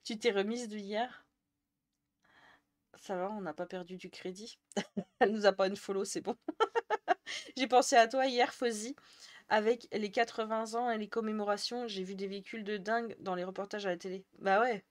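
A woman's voice: medium pitch, normal speed, pauses often. Chatty woman streamer answering her chat. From Jura, France. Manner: chatty, answers chat messages, laughs often. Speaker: Twitch streamer. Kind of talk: casual live-stream chat with viewers.

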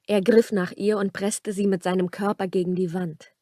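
Woman reading a romance novel aloud, calm and even, mid voice, dry close mic. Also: medium pitch, normal speed, no room sound. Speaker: audiobook narrator. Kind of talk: scripted narration.

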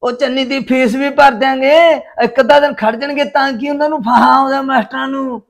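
Man as a drunk, hot-tempered husband with a shrill, high voice, all bluster. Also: steady tone, fairly quick. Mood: angry. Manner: blustering, threatening. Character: drunken quarrelsome husband demanding his dinner. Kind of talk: village short-film acting.

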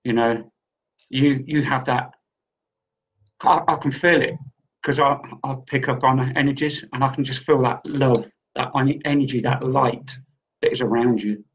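A man's voice: medium pitch, steady tone, unhurried. A man co-hosting, giving a casual spiritual reading in a rambling way and often repeating himself. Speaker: psychic reader and co-host. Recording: dull lo-fi audio.

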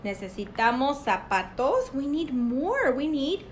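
A woman giving a bilingual speech lesson to a small child, talking in slow, exaggerated, sing-song teacher talk with a dry throat. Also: sits high, sing-song, a little hiss or hum. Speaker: speech therapist.

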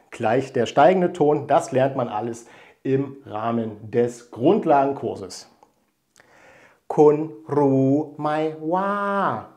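A man teaching a language lesson, explaining words and tones slowly and carefully, step by step. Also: mid-range voice, mellow.

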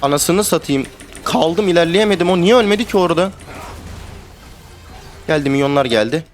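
A young man streaming a video game, talking to his teammates in casual live commentary that swings between calm planning and excited shouting and swearing. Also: on the high side, moderate pace, a little hiss or hum. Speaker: gamer streamer.

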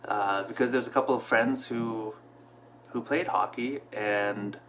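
Relaxed man telling a story to camera. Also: lowish voice, measured pace, noisy background. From Canada. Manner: relaxed, reflective, with frequent fillers and restarts. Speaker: vlogger. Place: small room at home, indoors. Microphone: camera in front at desk distance.

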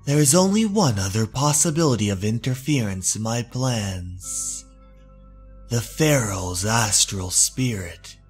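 A man's voice: medium pitch, a little mellow, husky, heavily acted. Man playing a gloating, swooping comic-book villain. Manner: theatrical, gloating. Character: gloating greedy male villain, scheming and murderous.

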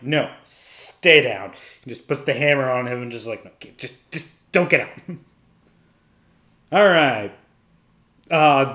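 Slow-talking man in an echoey room. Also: a little high, a bit bright. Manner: thinks aloud, calls out rolls step by step. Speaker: tabletop wargame player narrating a solo battle. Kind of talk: casual play-by-play of dice rolls.

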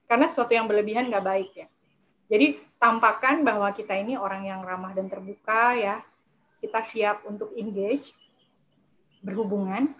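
A woman giving a lively public speaking workshop to a live audience, talking in a chatty way and acting out timid speakers. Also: fairly high pitch, slight background noise, poor audio. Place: lecture room with a live audience.

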